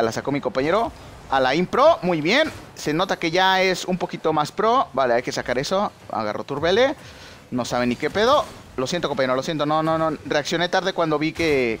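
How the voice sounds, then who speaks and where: A young man with a Mexican accent giving excitable, slangy live commentary on his own gameplay and shouting at big plays. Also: fairly high pitch, slight background noise. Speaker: gaming YouTuber.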